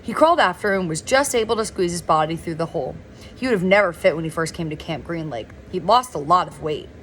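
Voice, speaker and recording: A woman reading a novel aloud in a relaxed, informal way, now and then stumbling over words and correcting herself. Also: fairly low pitch, fast, a little hiss or hum. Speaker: reader of a novel. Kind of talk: informal read-aloud narration.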